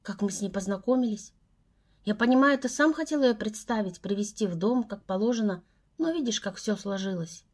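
A woman's voice: mid-range voice, a little fast, natural voice. A woman reading an audiobook voices a tender older mother who speaks tearfully and fusses over her son. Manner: tearful, warm, fussing.

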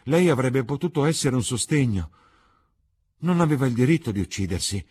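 Male narrator as a husky, distraught young man, impulsive and pleading, storybook drama. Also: lowish voice, sing-song, slow, voice pushed up, exaggerated voice. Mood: self-reproaching. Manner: cries out, breaking into sobs.

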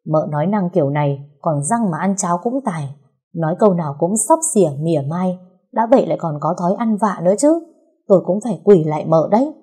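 A gruff young husband, worn out by his wife's tricks, as a woman narrator voices him. The voice sits low and mellow with a husky grain. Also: lively intonation, fast talker. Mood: exasperated. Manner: gruff, exasperated.

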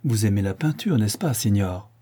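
A man voicing a proud, cold widowed marquise in an audiobook, speaking curtly and imperiously, raised well above his own voice, with a dark, husky tone. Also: fairly low pitch, animated, moderate pace. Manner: curt and imperious. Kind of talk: audiobook character reading.

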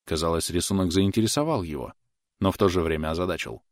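A man narrating an audiobook with steady, even storytelling. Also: sits low, fast talker, dry recording, studio quality. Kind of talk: audiobook reading.

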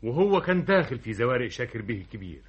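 A man's voice: mid-range voice, sing-song, rapid-fire, highs cut off, lightly acted. A man playing a boastful, imperious new company director with an Egyptian accent, brusque and self-important, in an old radio comedy-drama. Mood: smug, boastful.

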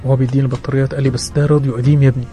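Fast-talking Egyptian storyteller man. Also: mid-range voice, over music. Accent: Egyptian Arabic. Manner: rapid, animated, stumbles over repeated words. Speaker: horror storyteller. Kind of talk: spoken horror story narration.

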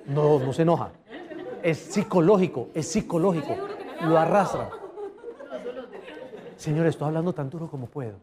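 A man giving a lively customer service seminar, often putting questions to the audience. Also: fairly high pitch. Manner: animated, asks the audience questions. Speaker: motivational speaker.

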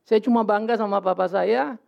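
A man's voice: sits high, moderate pace, vocal fry, muffled recording. An older man from North Sumatra preaching a sermon, telling personal stories with acted-out dialogue and dropping English words into his talk. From North Sumatra, Indonesia. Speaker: pastor.

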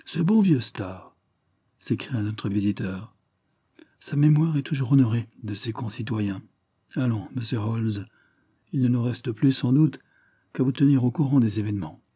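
A man reading the part of a smooth-talking adult male con man who spins his story in an earnest, persuasive way. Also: medium pitch, moderate pace, warm tone, dry recording, clean studio sound, natural voice. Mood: hearty.

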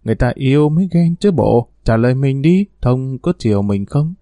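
A man's voice: medium pitch, animated, moderate pace, warm tone, no echo, close to an everyday voice. A man voicing a flirtatious, haughty wealthy woman, coquettish with her lover and cold to her servant.

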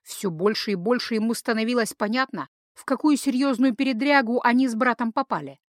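A woman narrating a fantasy audiobook in a calm, even storytelling manner. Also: on the high side, fairly quick, no echo, studio quality. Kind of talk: scripted narration.

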